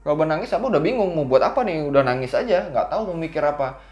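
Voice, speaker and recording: Father spinning a lively story, higher voice. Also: rapid-fire, lo-fi sound. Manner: lively, acts out his own childhood lines. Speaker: father telling his children a story. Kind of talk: casual bedtime-style storytelling.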